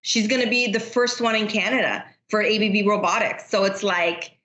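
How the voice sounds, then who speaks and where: Here a middle-aged business unit manager chats casually as a podcast guest, candid and talkative, sprinkling in plenty of "you know." She speaks at a moderate pace in a mid-range voice that is bright and forceful, with noticeable reverb.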